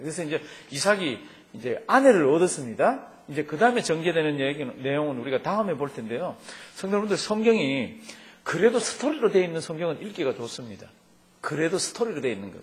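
A male pastor preaching a sermon, telling stories with lively acted-out dialogue. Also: a little high. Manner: lively storytelling, acts out dialogue in quotes.

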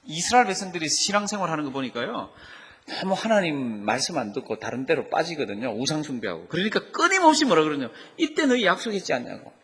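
Man, pastor, husky voice, lively swooping pitch, long hall reverb, questions the congregation. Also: fast talker. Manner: asks the congregation frequent questions. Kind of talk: Bible teaching sermon.

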